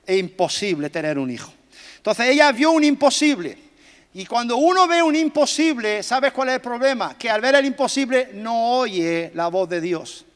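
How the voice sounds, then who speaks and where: A man's voice: extremely high pitch, animated, normal speed, fairly bright tone. A man preaching a sermon in a church hall, emphatic, joking and asking the congregation questions. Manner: emphatic, quizzes the congregation, jokes. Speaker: pastor. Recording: long reverb of a church hall.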